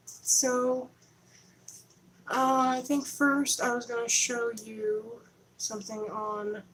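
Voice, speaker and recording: A woman's voice: medium pitch, a little hiss or hum, rough recording. A woman hosting a rambling, conspiratorial livestream from her home, talking casually into a camera on a holder. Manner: chatty, conspiratorial, self-interrupting. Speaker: livestream host. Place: home in Texas.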